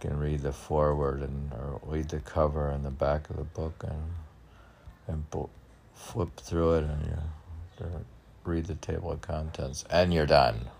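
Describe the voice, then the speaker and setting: A poet with an extremely low, gravelly, darkish voice reads his own poems in a steady, unhurried way, with a little hiss or hum on the recording. Between lines he comments in rambling, casual asides, often questioning himself as though talking to himself.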